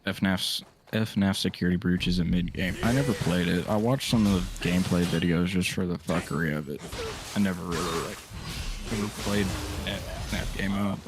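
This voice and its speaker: A young man streaming a game, chatting casually with a friend, excitable and profane, rambling as he talks. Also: low-pitched, brisk, slight background noise. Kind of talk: casual gaming chat. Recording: music playing behind.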